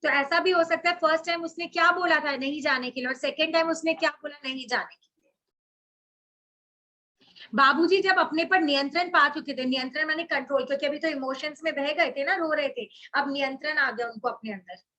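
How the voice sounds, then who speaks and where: High, bright-voiced woman teacher. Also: fairly quick. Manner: reads passages aloud then explains them in Hindi mixed with English. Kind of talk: explaining a Hindi literature chapter to students.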